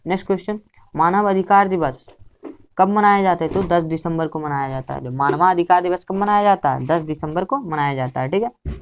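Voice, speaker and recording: A woman with a fairly low voice runs a quiz-style revision lesson. She states each question, answers it, repeats the answer for drilling, and tops it off with a quick "okay". She fixes her small slips on the spot and keeps going. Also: muffled recording, a little hiss or hum. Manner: self-correcting, with slips. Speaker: teacher.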